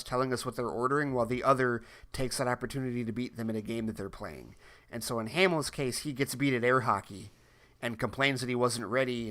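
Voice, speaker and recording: A man's voice: medium pitch, fairly bright tone. A man co-hosting a podcast in casual chat, rambling with repeated words and restarts and frequent laughs. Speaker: podcast co-host.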